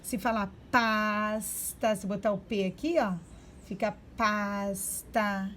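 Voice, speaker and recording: A woman teaching young children to read and spell, sounding out syllables slowly and clearly. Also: medium pitch, steady tone, fairly bright tone, a little hiss or hum. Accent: Brazilian Portuguese. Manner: slow, drawn-out sounding-out of syllables. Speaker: primary school teacher. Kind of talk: remote reading and spelling lesson for young children.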